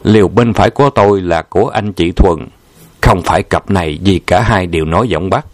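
A man calmly reading a memoir aloud in a descriptive storytelling manner. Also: deep voice, a little fast, no room sound. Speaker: narrator.

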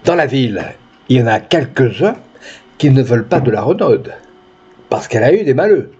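A man's voice: medium pitch, animated, normal speed, warm tone, slightly rough. A man voicing a talkative middle-aged peasant farm wife who hesitates and searches for her words. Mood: confiding. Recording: dull lo-fi recording.

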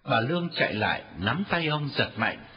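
A man narrating a story with a very expressive, varied delivery. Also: mid-range voice, moderate pace. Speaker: audiobook narrator. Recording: dull lo-fi audio with faint music.

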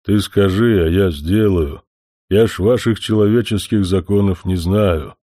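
A man voicing a young male forest spirit who speaks slowly and solemnly, a little louder than his narration. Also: low voice, no echo, studio quality. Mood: earnest. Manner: slow, deliberate, solemn.

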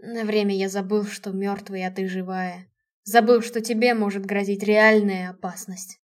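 A woman's voice: medium pitch, little pitch movement, normal speed, voice pushed down, lightly acted. A woman voicing a cold, stern dead male general who speaks harshly and curtly. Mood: grim. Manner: harsh, clipped, curt.

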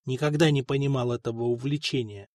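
A squeamish young male companion, blunt and quick to reproach, voiced by a man reading aloud. He mutters low and curt, asking pointed questions. The sound is dry and close. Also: fairly even intonation, a little mellow, dry recording, lightly acted. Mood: uneasy.

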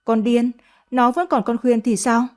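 A woman's voice: on the high side, level tone, a little slow, close to an everyday voice. A woman playing an exasperated old matriarch. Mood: scolding. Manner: scolding, exasperated. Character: scolding older mother of the house.

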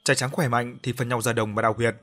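Guy doing a sleepy bossy old village official reading out orders, a bit louder. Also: medium pitch, flat delivery, quick pace, natural voice. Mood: commanding. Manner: drowsy, commanding proclamation. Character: pompous older male village official making an announcement.

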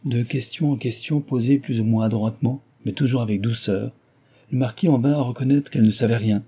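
A man's voice: mid-range voice, breathy edge. A man steadily reading a classic novel aloud as narrator. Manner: steady and measured. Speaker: audiobook narrator.

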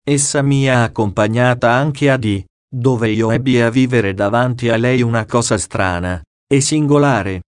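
A man reading a diary aloud as an audiobook, slow, measured and solemn. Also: medium pitch, smooth, no room sound, clean studio sound. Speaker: audiobook reader.

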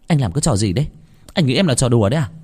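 A fiery, sharp-tongued young woman raises her pitch and stumbles over her words in a spoken ghost story, as a male reader puts her on. Her voice swings widely, heated and high. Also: lively intonation, moderate pace, slightly rough. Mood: angry. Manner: high, agitated, stumbling with anger.

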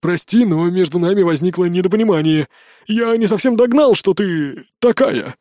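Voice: mid-range voice, lively intonation, normal speed, mellow, dry recording, lightly acted. Reader as a cornered ladies' man, rattled and stammering, close and dry. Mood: flustered. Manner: flustered, pleading. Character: panicky boastful young man.

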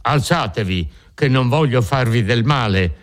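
A man's voice: medium pitch, lively intonation, measured pace, lightly acted. A man as a stern wrathful nobleman. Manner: commanding, scornful.

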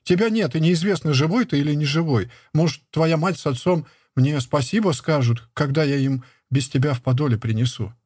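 Male narrator doing a fretful young peasant wife, higher register, husky, emotional. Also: a little fast, few pauses, a little mellow, dry recording, clean studio sound, close to an everyday voice. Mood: pleading. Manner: raised, plaintive, emotional pleading. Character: young village wife, anxious and pleading. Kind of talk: audiobook character reading.

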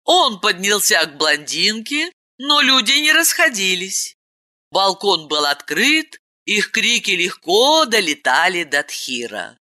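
A woman narrating a story in an expressive, dramatic reading. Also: medium pitch, slow. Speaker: audiobook narrator. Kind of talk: scripted narration.

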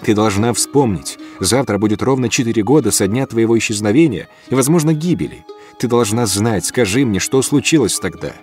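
A man's voice: fairly low pitch, animated, a little fast, hardly any pauses, a little mellow, soft background music, lightly acted. A man voicing a blunt, weary woman who questions a ghost, in an audiobook reading. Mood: pressing. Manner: insistent, pushy questioning.

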